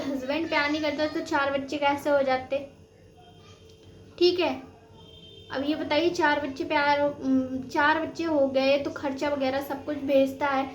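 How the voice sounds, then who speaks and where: High-voiced woman vlogging in a roomy space. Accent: Madhya Pradesh Hindi. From Madhya Pradesh, India. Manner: chatty, repeats "theek hai" and "yaar". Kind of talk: casual opinion vlog. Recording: slightly dull, roomy, faint hiss.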